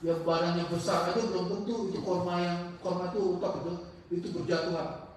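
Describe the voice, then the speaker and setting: A man giving an informal religious study talk in a mosque hall, often pausing to search for words and acting out the people in his stories. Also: high voice, recorded from a distance, a little hiss or hum. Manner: halting, searches for words mid-sentence; animated storytelling with acted-out quotes. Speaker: religious teacher. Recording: very echoey mosque hall, heard from afar.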